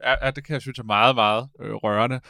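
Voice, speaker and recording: A man in casual conversation as a podcast host, rambling and animated, often stopping to correct himself. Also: mid-range voice, gravelly, no room sound, studio quality. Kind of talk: casual chat.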